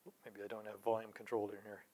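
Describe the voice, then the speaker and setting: A man's voice: fairly low pitch, flat delivery, racing. Man teaching a group informally. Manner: rhetorical questions, emphatic stresses, trailing quieter at phrase ends.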